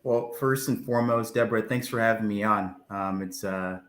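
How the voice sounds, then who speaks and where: A man in his twenties, originally from Zimbabwe, answering interview questions in a relaxed, friendly way with frequent fillers. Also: on the low side, normal speed, echoey room. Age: 20s. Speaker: guest, financial planner.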